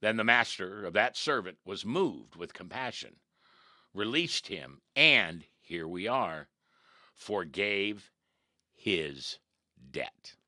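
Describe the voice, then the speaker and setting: Brief: male pastor, lowish but very bright voice, reads scripture then riffs on it; dry, close recording. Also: takes it slowly, no room sound. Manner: reads scripture then comments, animated asides. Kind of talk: devotional teaching.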